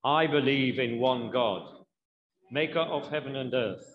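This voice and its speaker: A man leading a communion service, speaking in a measured, solemn and reverent way into a pulpit microphone. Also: mid-range voice, highs cut off. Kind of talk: liturgical prayer and service instructions.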